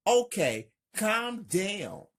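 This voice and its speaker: A woman's voice: medium pitch, sing-song, drawn-out words, pitched above the performer's own voice, full character voice. A woman voicing a female neighbor who questions and reassures a frightened friend. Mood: concerned. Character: calm caring woman neighbor.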